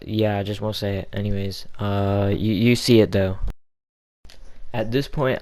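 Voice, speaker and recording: Man, low-ish voice, unhurried, rambling bemused read of a chat log. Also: darkish tone. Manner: rambling, bemused, with frequent fillers. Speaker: gaming chat commentator. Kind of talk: casual commentary on a chat log.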